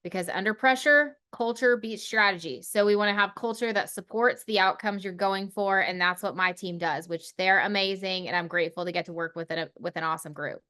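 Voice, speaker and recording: A woman's voice: mid-range voice, a little fast, hardly any pauses, bright, forceful tone, smooth. A woman in her forties from Oklahoma, a podcast guest talking confidently and articulately about leadership in a casual interview. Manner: confident and articulate, self-deprecating. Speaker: podcast guest, CEO of a consulting firm.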